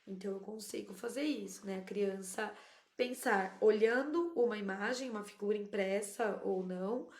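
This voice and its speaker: A woman teacher explaining classroom methods in a lively, explanatory way, sometimes acting out short exchanges with a child. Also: mid-range voice, moderate pace, reverberant. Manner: explanatory, animated, acts out child dialogues. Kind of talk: educational tips to camera.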